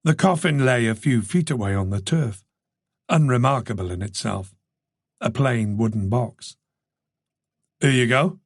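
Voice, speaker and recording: A man narrating a mystery audiobook in a measured, steady way. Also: medium pitch, husky, no echo, clean studio sound. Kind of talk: scripted narration.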